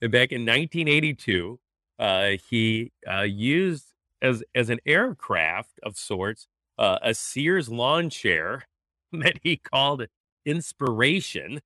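A man's voice: mid-range voice, very animated, takes it slowly, bright, forceful tone, dry recording, studio quality. A man, a pastor co-hosting a casual faith podcast, talking in an easygoing way and laughing often. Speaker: pastor, co-host. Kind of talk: casual chat on faith topics.

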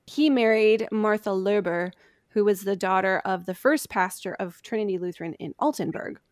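With a mid-range voice at a moderate pace, a woman hosts a podcast and casually walks friends through history she's researched, reading from notes. She adds chatty, self-mocking asides, and the studio sound is clean and echo-free.

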